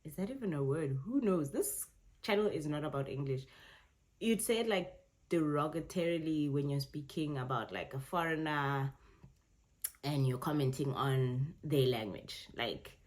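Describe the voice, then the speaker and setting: A woman's voice: low-pitched, normal speed, darkish tone. A young South African woman with a South African accent, reacting casually to tweets in a chatty, self-correcting way, often laughing. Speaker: vlogger.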